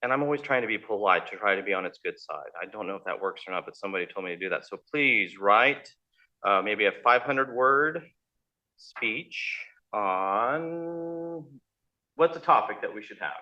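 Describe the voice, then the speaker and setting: Chatty male college lecturer, bright tone. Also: fairly low pitch, animated, normal speed, no room sound, lo-fi sound. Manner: conversational, thinks aloud, repeats words. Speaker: math lecturer. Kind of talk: public lecture. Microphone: handheld mic.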